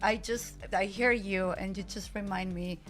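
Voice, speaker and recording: A woman's voice: mid-range voice, steady tone, moderate pace, soft background music. A woman hosting a casual radio interview, chatty and laughing often. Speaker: radio show host.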